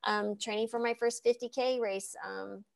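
A woman's voice: mid-range voice, fairly even intonation, normal speed, creaky. Woman in her fifties, podcast host, bubbly, laughs often, casual chat. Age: 50s. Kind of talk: casual interview.

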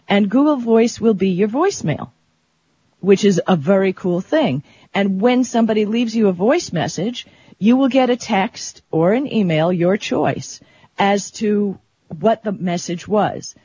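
A co-host on a tech talk show explains things in a chatty, colloquial, conversational manner. His husky, rough-edged voice is mid-range and warm, and the audio is dull and lo-fi.

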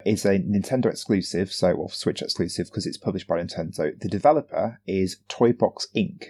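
A man's voice: low-pitched, fairly quick, warm tone, husky. A man in his thirties, co-hosting a casual games podcast and explaining a game at length. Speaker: podcast co-host.

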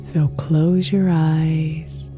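Meditation host: woman, deep register, very unhurried, soft and soothing, over prominent new-age music. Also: little pitch movement. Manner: soft, soothing, gently drawn out. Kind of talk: guided meditation narration. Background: new-age music with singing bowls.

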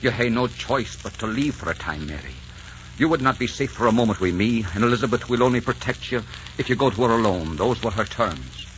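A man's voice: mid-range voice, animated, brisk, a little hiss or hum, lightly acted. An actor playing an ardent, resolute Scottish earl in love with a queen, in theatrical 1940s radio drama style with tender, solemn phrasing. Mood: firm, sorrowful. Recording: muffled 1940s radio recording with music.

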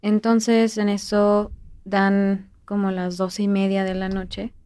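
A woman with a Mexican accent recounting a personal ghost story, speaking softly and often trailing off into a quiet voice. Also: mid-range voice, monotone, slow, clear, resonant tone. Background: music.

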